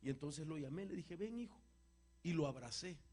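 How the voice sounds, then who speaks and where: A man preaching and answering a question with a personal testimony, an emotional storyteller whose voice swings from loud to hushed. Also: fairly high pitch, fairly quick, breathy edge. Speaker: apostle answering congregation questions.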